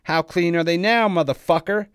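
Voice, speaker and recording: A man voicing an enraged young man who shouts in clipped, seething bursts. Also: a little high, moderate pace, smooth, no room sound, studio quality, voice pushed up, close to an everyday voice. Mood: raging.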